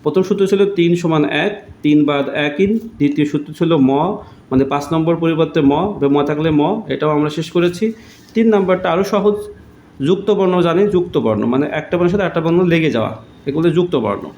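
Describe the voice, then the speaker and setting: A man's voice: on the high side, darkish tone. Man teaching a grammar lesson. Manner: patient, repeats words slowly with many pauses. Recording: echoey room with faint noise.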